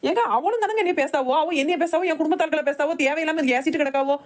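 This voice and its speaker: A woman voicing a sharp-tongued young daughter-in-law in a cartoon, with a Thoothukudi Tamil accent, firing back quick retorts. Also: fairly high pitch, natural voice. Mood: aggrieved. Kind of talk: cartoon voice acting.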